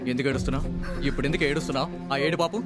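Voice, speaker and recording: An actor playing a hot-headed young college bully who threatens and shouts. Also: male voice, a little high, racing, over loud music, natural voice. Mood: menacing. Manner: aggressive, threatening.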